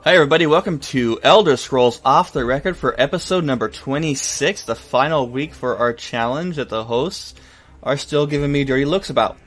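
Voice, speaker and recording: A man's voice: mid-range voice, brisk, fairly bright tone, a little hiss or hum. A man hosting a podcast with casual, conversational banter. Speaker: podcast host.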